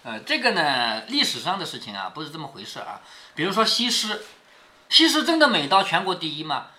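Lively, bright-voiced man reading a classic story aloud to his daughter. His pitch swings widely as he stops to explain passages in plain talk, and he keeps asking whether she is following. The tone is informal and chatty. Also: a little fast. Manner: chatty, often checks in with the listener.

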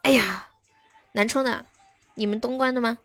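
A woman's voice: a little high, normal speed, a bit bright. A young woman hosting a live stream, chatting casually with her viewers and answering their comments.

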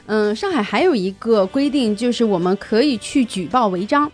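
A woman's voice: on the high side, animated, normal speed, husky, faint music behind. A woman co-hosting a casual podcast chat, agreeable and full of practical tips. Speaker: podcast co-host.

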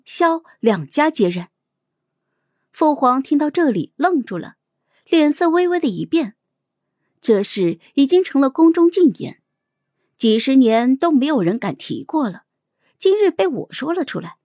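Woman reading a story aloud, bit high voice, really animated, dry close sound. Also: no room sound. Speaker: audiobook host and narrator. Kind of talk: expressive audiobook narration.

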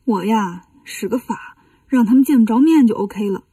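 A cocky, clever monkey king from a children's storybook, as a woman storyteller puts him on. He talks in quick, brash, mocking bursts. Her voice is fairly high and breathy, heard a little far from the mic. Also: animated, mellow, no room sound.

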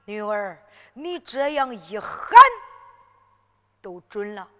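A woman's voice: mid-range voice, expressive, takes it slowly, in a large hall. A woman storyteller voicing a disguised old emperor who fatherly scolds his adopted daughter, in emphatic dialect. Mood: fussy scolding. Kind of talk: Henan zhuizi ballad storytelling.

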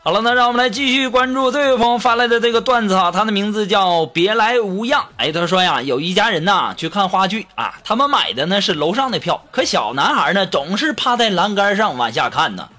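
A man's voice: high-pitched, lively intonation, a little fast, few pauses, pushed and bright. Chatty, teasing male comic host. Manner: chatty, teasing, laughs at his own jokes. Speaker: podcast host reading listener jokes. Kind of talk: comic joke-telling show. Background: background music.

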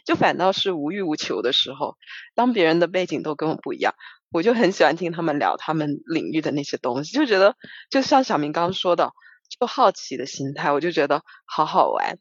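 A woman co-hosting a podcast, chatting casually and telling lively anecdotes. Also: lowish voice, no room sound. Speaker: podcast co-host. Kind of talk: casual chat. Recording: dry, dull lo-fi sound.

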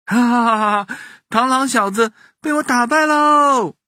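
A man voicing a boastful young rooster boy in a storybook, brash and loud. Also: very high-pitched, expressive, a little slow, breathy edge, no room sound, clean studio sound, pitched above the performer's own voice, heavily acted. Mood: gloating. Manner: brash, shouting challenges.

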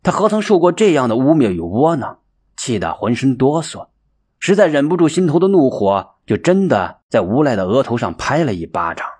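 A man narrating a folk tale as an expressive, dramatic storyteller. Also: medium pitch, moderate pace, slightly rough. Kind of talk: audiobook storytelling.

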